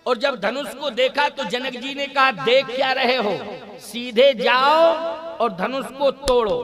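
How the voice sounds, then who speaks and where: A man preaching a devotional sermon, telling a scripture story and acting out quarreling kings with humor. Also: very high voice. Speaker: religious preacher. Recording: live event with audience laughter. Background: live audience laughing.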